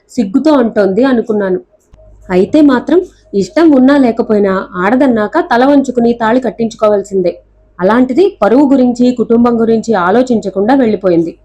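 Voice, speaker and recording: A bedridden older father who lectures sternly about family honour, voiced by a woman narrating a novel. The voice is mellow and a little high. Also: fairly quick, highs cut off, close to an everyday voice.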